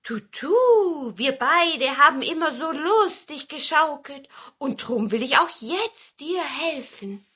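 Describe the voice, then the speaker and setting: A woman's voice: high-pitched, expressive, takes it slowly, sharp tone, voice pushed up, full character voice. A woman voicing the friendly, playful wind in a storybook, speaking in a comforting way.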